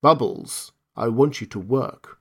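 A man voicing a magical desert djinn in a storybook reading, speaking slowly and emphatically with stern authority. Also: mid-range voice, creaky, fairly bright tone, husky, heavily acted.

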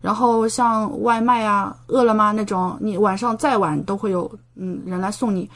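Speaking with a medium pitch and a fairly bright tone, this woman keeps her intonation fairly even and her pace moderate. She's from China, a doctoral student in medicine living in Japan, and as a podcast guest she talks casually and at length, explaining things with plenty of examples.

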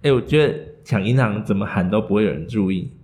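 A man's voice: lowish voice, expressive, fast talker, a little mellow. A man with a Taiwanese Mandarin accent telling a story in a casual podcast chat, playful and joking, acting out quoted lines. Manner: playful, acts out quotes with punny jokes.

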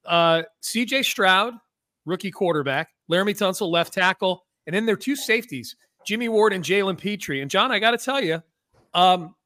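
Bright, higher-pitched American sports host. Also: male voice, animated, moderate pace, no room sound, studio quality. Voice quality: slightly stuffy nose. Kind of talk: casual sports talk.

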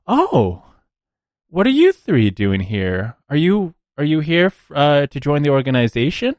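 Man doing a sugary businesswoman recruiter in a tabletop game, raised bright voice, gushing and flattering, slow pushy sales talk. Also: fairly high pitch, no room sound, studio quality, voice pushed up. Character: smiling female corporate recruiter, pushy and sugary.

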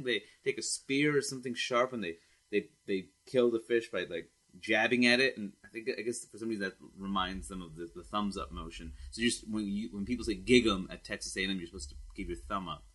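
Low-voiced man, casual New comedian. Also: brisk, fairly bright tone, husky. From Queens, New York. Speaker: stand-up comedian. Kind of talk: casual chat, telling anecdotes.

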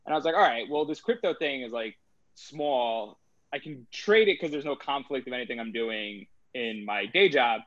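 A man's voice: mid-range voice, animated, moderate pace, fairly bright tone, no echo. A man talking as an interview guest about his trading career, rambling and filling his sentences with "like". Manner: rambling, heavy use of filler "like". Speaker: guest, crypto trader. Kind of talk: casual interview talk. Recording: dull, slightly lo-fi dry sound.

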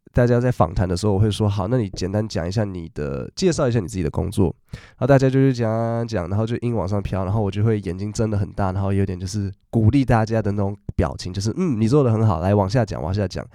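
A man's voice: fairly low pitch, quick pace, warm tone, no echo, studio quality. A man, hosting a casual, chatty podcast about work English. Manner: chatty, storytelling, acts out quoted voices. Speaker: podcast host teaching English. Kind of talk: casual chat.

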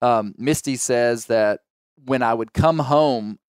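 Smooth-voiced Ozark Southern man. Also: mid-range voice, takes it slowly, a little mellow, dry recording, studio quality. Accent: Arkansas Ozark Southern. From Arkansas. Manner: storytelling, musing aloud. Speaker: podcast host. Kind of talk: casual podcast chat.

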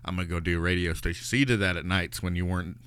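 A man's voice: deep voice, steady tone, rapid-fire, fairly bright tone, clean tone, no echo. A young adult man hosting a podcast, chatting easily with his father about a film. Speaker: podcast host. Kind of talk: casual chat.

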